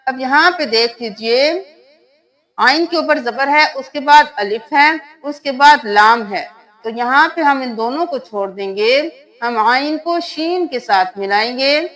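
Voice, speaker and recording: A woman teaching tajweed, spelling out letters syllable by syllable and reciting verses in a slow, drawn-out, melodic way, with patient explanations. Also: high-pitched, expressive, a bit bright. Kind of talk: tajweed lesson.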